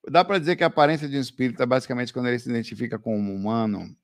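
A man's voice: medium pitch, rapid-fire, no echo, studio quality. A Brazilian man, hosting a casual live stream and telling stories with lots of slang and laughter. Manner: animated storytelling, laughing, slangy with "velho" and "cara". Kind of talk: casual live chat answering viewer questions.

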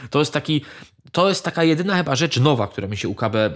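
A man's voice: a little high, lively intonation, fast talker. A man in casual chat, rambling with many fillers and restarts, swearing freely and giving blunt opinions.

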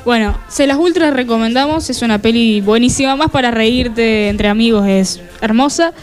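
Woman host, high voice, animated storyteller, faint music under. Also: moderate pace. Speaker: podcast host. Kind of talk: casual podcast chat.

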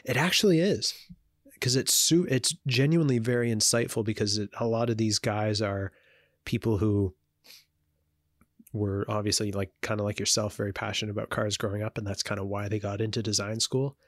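A man with a fairly low voice chats casually as a podcast co-host. He rambles, filling gaps with ums and restarting his sentences. The sound is dry and close, with no room echo. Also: fairly even intonation, brisk. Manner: rambling, many fillers and restarts.

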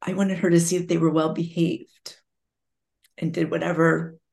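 A woman in her forties with a slightly low voice tells her own hard story in a candid, confessional way. She brings it alive by acting out the voices of the people she quotes. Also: normal speed, gravelly. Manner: emotional, confessional, animated quotes. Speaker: guest sharing her story.

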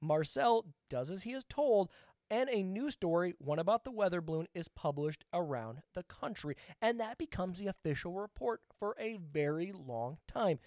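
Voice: mid-range voice, animated, normal speed, a little mellow, no echo, clean studio sound. A podcast co-host telling a story in casual chat, rambling and swearing with laughing asides.

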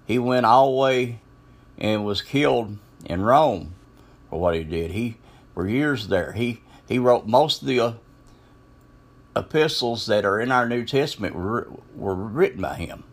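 A man with a fairly low voice gives informal Bible teaching. He quotes verses and retells scripture stories loosely, with restarts and small asides along the way. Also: animated, a little slow, slightly rough. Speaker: lay preacher.

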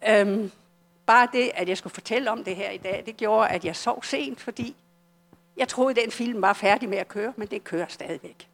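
An older woman with a Danish accent speaks at a church service, telling her own story in an earnest, halting way. She often restarts her sentences. Her voice sits at an ordinary middle pitch. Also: creaky. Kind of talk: personal testimony in a church service.

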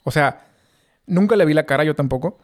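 A man's voice: fairly high pitch, a little fast. A young man with a Mexican Spanish accent, telling a long story in casual, slangy chat full of fillers. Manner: slangy, rambling, many fillers.

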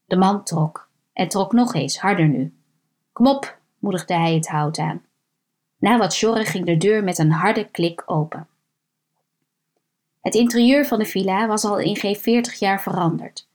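A woman reads a suspense story aloud at a steady, even pace. Her voice sits in a middle range and stays calm and measured, slowing down at the tense moments. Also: mid-range voice. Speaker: narrator. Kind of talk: scripted narration of a thriller story.

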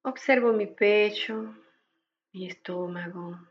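Slow, hushed woman guiding meditation. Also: mid-range voice, highs cut off, a little hiss or hum. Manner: soft, hushed, unhurried instructions with pauses. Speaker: guided meditation instructor. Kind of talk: slow, soothing guided meditation narration.

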